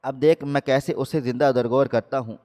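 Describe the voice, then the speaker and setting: A cruel village father in a storybook tale, hurling harsh insults in a steady mid-pitched male voice, as a male narrator puts him on. The voice rings with a long room reverb. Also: lightly acted. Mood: furious. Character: cruel furious village father, middle-aged man.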